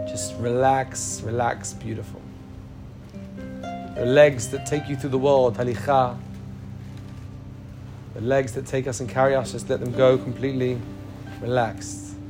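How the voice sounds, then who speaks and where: A man leading a guided meditation with calm, soothing instructions. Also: mid-range voice, a little slow, long pauses, over music. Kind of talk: guided meditation and body scan.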